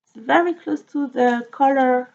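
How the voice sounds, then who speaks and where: A native French speaker from France chats casually about her knitting projects for her podcast, her French-accented voice high-pitched and gravelly. She speaks haltingly, repeating words as she hunts for them and laughing softly, and the lo-fi recording sounds dull.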